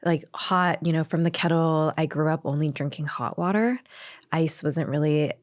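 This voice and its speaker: Woman, 30s, from Hong Kong; low, calm, earnest guest; dry recording. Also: moderate pace, no echo. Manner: calm, earnest, many soft fillers. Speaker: guest, Chinese medicine practitioner. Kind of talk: conversational interview.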